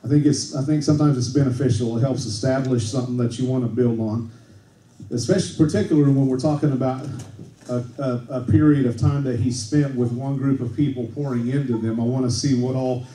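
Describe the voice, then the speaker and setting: A male pastor preaching a relaxed, conversational sermon, often checking in with the congregation and restarting his sentences. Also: mid-range voice, a little fast, slight background noise. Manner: conversational, tag questions like okay, frequent restarts. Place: church sanctuary. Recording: echoey church room, mic at a distance.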